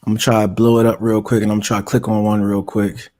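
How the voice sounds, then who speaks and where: A man's voice: lowish voice, little pitch movement, fast talker, darkish tone. A man hosting a live stream, laid-back and casual with slang, often repeating himself.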